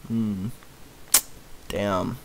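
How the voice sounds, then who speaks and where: A young man with a somewhat low voice talks through his gameplay in a loose, rambling way. He leans on "like" in nearly every sentence and chuckles often, with a casual, unscripted feel. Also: flat delivery, drawn-out words, a little hiss or hum, low-quality recording. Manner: filler-heavy rambling, "like" everywhere. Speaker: gaming YouTuber.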